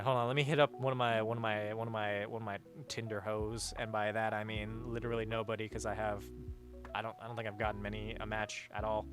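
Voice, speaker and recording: A man streaming a game live, chatting crudely and joking with his chat, reading donations aloud. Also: lowish voice. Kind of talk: casual live-stream chat while gaming. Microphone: headset mic.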